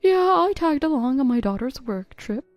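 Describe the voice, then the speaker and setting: A woman's voice: sits high, very animated, normal speed, dry recording, dull audio, soft background music. A woman voicing a chatty middle-aged friend who asks nosy questions. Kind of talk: text-story voice acting.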